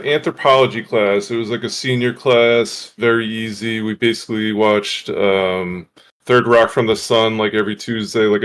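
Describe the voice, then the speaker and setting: Laid back dude telling a story with lots of uhs and likes, normal pitch. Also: male voice. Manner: relaxed, filler-heavy storytelling. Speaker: guest streamer. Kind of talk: casual storytelling.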